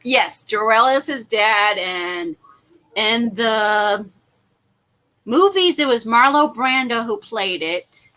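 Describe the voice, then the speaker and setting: A woman's voice: a little high, expressive, slow pace, pushed and bright, poor audio. A woman hosting a casual livestream watch party, chatting animatedly and laughing often. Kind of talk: casual group chat on a livestream.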